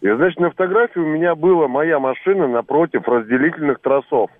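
A man's voice: fairly high pitch, fast, dry recording. A man calling a radio show, telling a story in a rambling, repetitive way. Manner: rambling, repeats himself. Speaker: caller. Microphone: phone. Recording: tinny phone line into radio studio.

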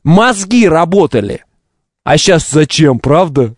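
A man's voice: a little high, sing-song, slow pace, no room sound, studio quality. A man hosting a live stream, delivering an opinionated, didactic monologue with emphatic rhetorical questions and ironic asides.

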